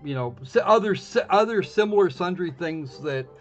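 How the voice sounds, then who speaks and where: Faint game music plays under a dull lo-fi stream mic as a man comments casually on a visual novel he's streaming. His voice sits high with lively intonation at a moderate pace, and his sarcastic chatter keeps restarting mid-sentence.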